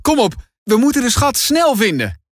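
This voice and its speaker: A man's voice: very high-pitched, huge pitch swings, normal speed, no room sound, studio quality, pitched above the performer's own voice, full character voice. A man voicing a brave, frantic boy twin. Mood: urgent, shaken. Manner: urgent, shaky.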